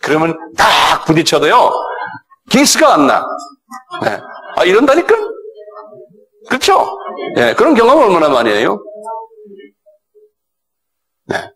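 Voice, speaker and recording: Animated Korean pastor preaching. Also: male voice, unhurried, creaky, long pauses, low-quality recording. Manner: animated, acts out dialogue with sudden raised pitch; asks listeners for assent. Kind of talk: sermon.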